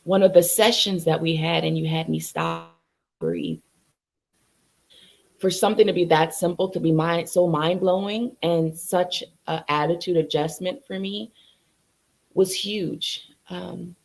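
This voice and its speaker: A woman's voice: fairly low pitch, steady tone, unhurried, creaky, darkish tone. A woman hosting a show for mothers, sharing a personal story in a heartfelt, slightly teary way. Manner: emotional, heartfelt, a little teary. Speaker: podcast host. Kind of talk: casual interview chat.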